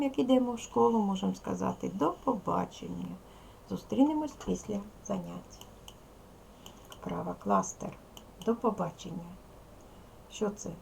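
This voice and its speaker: A woman with a strongly gravelly, fry-heavy voice teaches a recorded lesson to young children. She speaks with a Ukrainian accent and explains each step slowly and deliberately. A faint hiss of noise sits under her voice. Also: medium pitch, darkish tone. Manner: slow, careful, deliberate explanation to young pupils. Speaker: primary school teacher.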